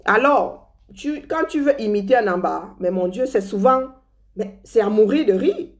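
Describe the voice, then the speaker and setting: A woman from Cameroon speaks with a Cameroonian French accent, her voice pitched at an ordinary middle level for a woman. She delivers political commentary as an animated monologue, sarcastic and scornful in tone. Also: normal speed.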